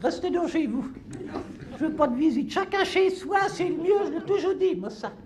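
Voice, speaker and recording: Man playing a shrill old peasant granny. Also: lively intonation, normal speed. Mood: grumbling. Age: over 70. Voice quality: shrill, quavering, cackling. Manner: rambling, chatty, scolding. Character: cantankerous old countrywoman, stubborn and gossipy. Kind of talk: live stage comedy sketch. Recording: live stage with audience laughter and noise.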